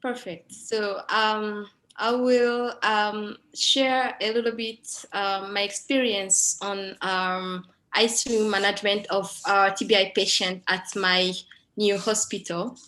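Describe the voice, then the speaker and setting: A woman from Rwanda, presenting a medical lecture over a video call and pausing often with ums. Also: medium pitch, fairly even intonation, bright, forceful tone, low-quality recording. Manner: hesitant, frequent ums and uhs. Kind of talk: online conference presentation.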